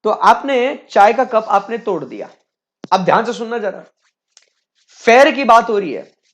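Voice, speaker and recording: A man's voice: high-pitched, expressive, measured pace. A male teacher giving a live online lecture, talking conversationally and repeatedly checking in with his students.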